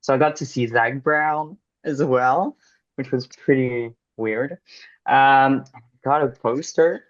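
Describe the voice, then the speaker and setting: Young French co-host, chatty storyteller, many fillers, lo-fi dry sound. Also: male voice, medium pitch, slow, no room sound. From France. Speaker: podcast co-host. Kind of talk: casual chat.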